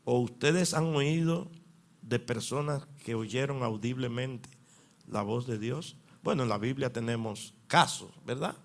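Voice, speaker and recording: A man's voice: mid-range voice, unhurried. A man preaching a sermon to a congregation, asking them questions and pushing his voice up for emphasis. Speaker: pastor.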